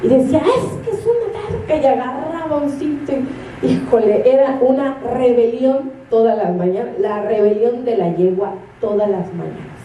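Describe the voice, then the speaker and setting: A woman's voice: a little high, moderate pace, dark tone, slight background noise. A woman, a minister preaching a sermon and telling stories with acted-out quotes and laughter. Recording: echoey room from a distance.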